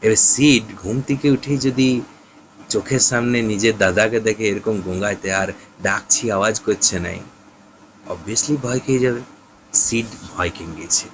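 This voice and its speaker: A man's voice: on the low side, a little slow, slight background noise. A male teacher explaining a prose text in a lecture, reading English lines and translating them.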